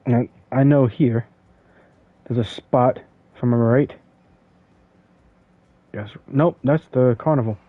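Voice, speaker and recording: A man's voice: mid-range voice, measured pace, pauses often, no room sound. A man giving casual gameplay commentary as he plays, rambling with lots of fillers and stammered restarts. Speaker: gaming streamer. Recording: dry tinny phone-like audio.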